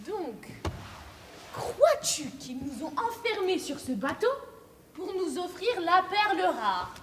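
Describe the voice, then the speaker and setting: A woman's voice: extremely high pitch, big pitch swings, takes it slowly, pauses often, full character voice. A woman on a theatre stage playing a restless, skeptical young woman who questions and teases. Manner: questioning, teasing. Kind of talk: stage play acting. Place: theatre stage, large hall. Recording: echoey hall, faint noise.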